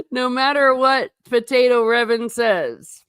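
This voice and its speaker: A woman from the US chats through her livestream chat comments, reading and answering them with wry, tangential asides and frequent sentence restarts. Her pitch is fairly high, her pace slow, and her tone fairly bright and clean. It's a studio-quality recording without echo.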